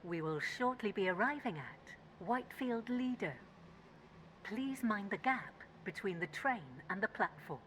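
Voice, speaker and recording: A woman's recorded onboard train announcements, built from spliced-together words with a measured, even delivery. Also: medium pitch. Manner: slow, measured, even phrasing. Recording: long reverb, faint background noise.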